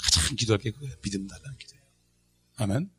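A middle-aged male pastor leads a Bible study sermon in a call-and-response style, quizzing the congregation and joking and laughing with them. His voice is fairly low, fast and fairly bright, with faint music in the background.

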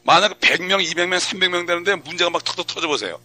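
A man's voice: high voice, fast talker, pushed and bright, faint music behind. A middle-aged man preaching a fervent sermon as a pastor, full of rhetorical questions and acted-out prayers.

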